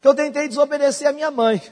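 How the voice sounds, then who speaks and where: A young adult man, a pastor, preaching a sermon with a husky voice, swinging from quiet talk to loud calls. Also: very high voice, fast, in a large hall.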